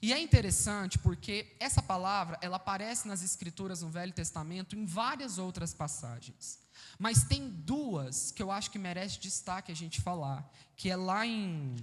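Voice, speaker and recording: A man with a Brazilian accent preaching a sermon, explaining a passage and asking the congregation questions. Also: high voice. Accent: Brazilian Portuguese. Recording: reverberant church hall.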